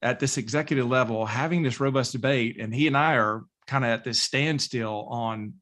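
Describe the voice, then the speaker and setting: A man's voice: mid-range voice, moderate pace. Easygoing man telling a work story. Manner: animated, acts out quoted people in a raised voice. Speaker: podcast co-host. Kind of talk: casual storytelling.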